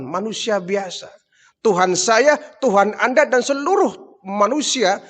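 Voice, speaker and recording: A man's voice: sits high, a bit bright. A preacher voicing a steadfast woman of faith. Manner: firm, declaring, unafraid. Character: steadfast devout woman servant, defiant, calm. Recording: long hall reverb.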